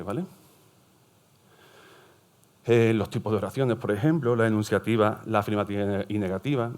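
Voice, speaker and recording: A middle-aged man from southern Spain, a primary school teacher and psychopedagogue, presents an explanatory talk at a forum in a lowish, darkish voice. He often checks in with his audience by asking "¿vale?".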